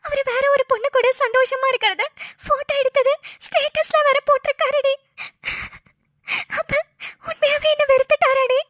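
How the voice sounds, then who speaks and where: A weepy young wife, voiced by a woman in a cartoon. Her voice is very high and bright, shaky with sobs, and it sounds dry and close. She pleads, anxious and hurt. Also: fairly even intonation, normal speed, no room sound. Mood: tearful. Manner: sobbing, pleading. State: crying. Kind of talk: cartoon voice acting.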